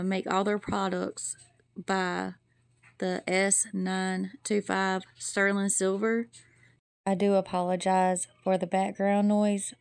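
A woman vlogger with a mid-range, clean voice chats casually with viewers from her home kitchen and living room, mixing vlog and product review. She's chatty and folksy, calling her audience "y'all." The studio-clean recording has no echo.

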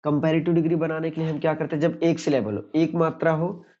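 A man's voice: a little high, level tone, quick pace, warm tone, highs cut off. A man teaching a grammar lesson, who keeps repeating points and asks questions he answers himself.

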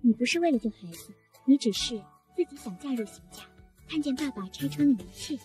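A woman's voice: sits high, expressive, a little fast, warm tone, faint music behind. A woman voicing an upright, stern old father lying in a hospital bed, speaking firmly.

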